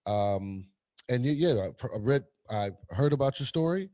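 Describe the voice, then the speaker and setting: A male podcast co-host speaks in a middle-pitched voice, chatty and loose, often stumbling and restarting his questions. The recording is close and dry, with no room sound. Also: lively intonation, moderate pace, a little mellow, no room sound. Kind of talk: casual interview hosting.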